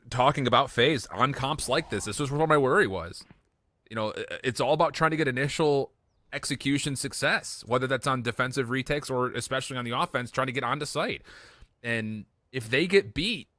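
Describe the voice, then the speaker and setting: A man calling esports play-by-play with quick, excitable calls. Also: medium pitch, dry recording. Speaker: esports caster. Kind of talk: play-by-play commentary.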